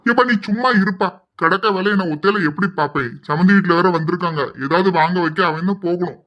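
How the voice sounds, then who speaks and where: A man's voice: sits high, fast, fairly bright tone. A man doing a bossy, scolding father. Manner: scolding, demanding answers. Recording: slightly dull lo-fi audio.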